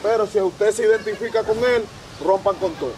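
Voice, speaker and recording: A man's voice: sits high, steady tone, brisk, darkish tone, a little hiss or hum. A man interviewing a guest outdoors, eager and promotional. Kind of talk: casual interview.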